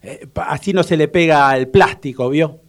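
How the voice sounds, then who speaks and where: Playing a proud, fussy older man who cooks in a comic radio drama, an actor uses an Argentine Rioplatense accent and a hesitant, repetitive, self-important manner, here in an obliging mood. His voice is fairly high-pitched at normal speed and only lightly acted.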